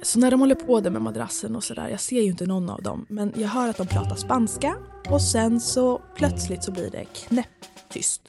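A woman's voice: a little high, creaky, over music. A young woman, telling a story in casual podcast chat, acting out quotes and swearing freely.

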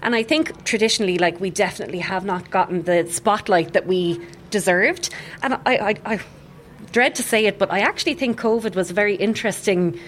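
A woman's voice: mid-range voice, fairly quick, a bit bright. Enthusiastic Waterford Irish woman. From Waterford, Ireland. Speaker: interview guest. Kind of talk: casual, enthusiastic chat. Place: hotel, on location. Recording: faint background ambience.

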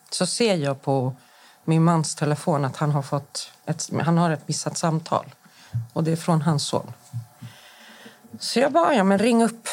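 A woman's voice: deep voice, darkish tone. Woman in her forties recounting events. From Sweden. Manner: recounts events in detail, acting out quoted dialogue with restarts. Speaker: podcast guest. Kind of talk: personal account in conversation.

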